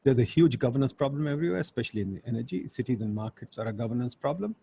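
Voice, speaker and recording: A man with a Pakistani accent and a husky voice introduces an online webinar as its host. He speaks informally and bluntly at a middle pitch, slipping in Urdu asides. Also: expressive, very fast, warm tone.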